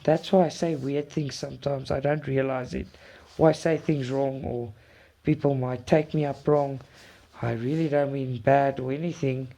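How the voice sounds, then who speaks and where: This cross-stitch channel host from South Africa, a native Afrikaans speaker, has an extremely low, mellow voice with fairly even intonation at a moderate pace. Talking casually with live viewers, she is effusive and chatty and repeats words.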